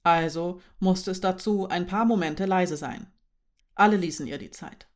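A woman narrating a story in a calm, even audiobook reading. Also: fairly low pitch, a little slow.

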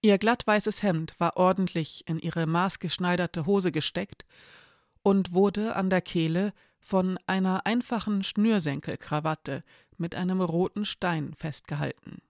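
A narrator reading a dark fantasy story aloud in a measured, even storytelling manner. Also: medium pitch, dry recording, clean studio sound.

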